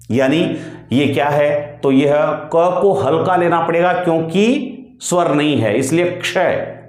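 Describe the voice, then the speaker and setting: A man from Rajasthan teaching a Hindi grammar lesson for exam candidates at an unhurried, deliberate pace. He draws out each sound and keeps asking and answering his own questions. The room carries a noticeable echo. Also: medium pitch.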